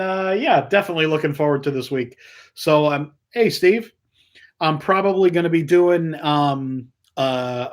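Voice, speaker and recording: Man, live stream host, loose rambling chat, voice sits a touch high. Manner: chatty, rambling, reads out viewer comments.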